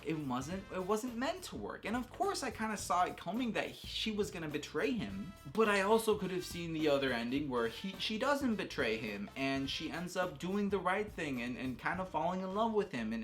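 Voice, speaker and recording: Reviewing a game, a male video creator gives casual, unscripted opinions in an enthusiastic, slangy way, repeating phrases for emphasis. His voice is high-pitched with a fairly bright tone.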